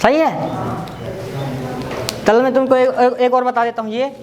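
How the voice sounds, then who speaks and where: A man's voice: extremely high pitch, level tone, over a noisy crowd. Man teaching a class, rattling off lists. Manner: rapid rote recitation, then chatty questioning of students. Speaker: memory coaching teacher.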